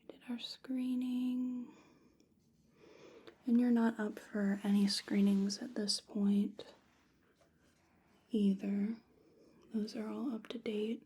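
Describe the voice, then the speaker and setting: A woman in a whispered ASMR role-play as a clinician, speaking in a breathy, unvoiced whisper with a soft, soothing, clinical delivery. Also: on the high side. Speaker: clinician giving a physical exam.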